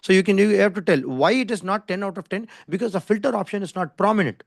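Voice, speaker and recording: A man with an Indian English accent teaches an online class at a rapid clip. His voice sits a little high and sounds dry and close. He explains insistently and informally, repeating points and often checking for understanding. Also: no echo. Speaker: design skills instructor. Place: online video call with screen share.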